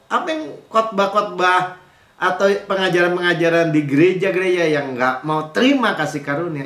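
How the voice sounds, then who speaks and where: A man preaches in a church, his voice high and full of swooping, lively pitch. He jumps from loud mocking impressions of grumblers to quiet, almost offhand asides. The room gives his voice a clear, roomy echo. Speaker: pastor. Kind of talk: sermon.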